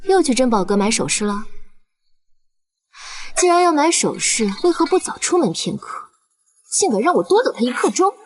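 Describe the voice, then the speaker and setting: Brief: a scornful, imperious noble lady, high and animated. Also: moderate pace, long pauses, breathy edge, heavily acted. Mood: haughty. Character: haughty, vain young noblewoman.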